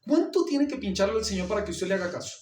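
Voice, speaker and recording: A man's voice: high-pitched, big pitch swings, fast talker, a little mellow. A man preaching a sermon as pastor, putting questions to the congregation and answering them himself. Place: church hall. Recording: roomy church hall, mic far off, faint noise.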